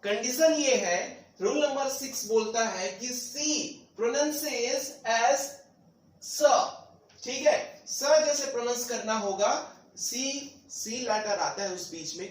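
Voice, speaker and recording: A man teaching English pronunciation rules from slides, spelling letters out one by one and mixing English terms into his Hindi explanation. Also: very high-pitched. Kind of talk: slide-based phonics lesson. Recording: echoey room, voice from a distance.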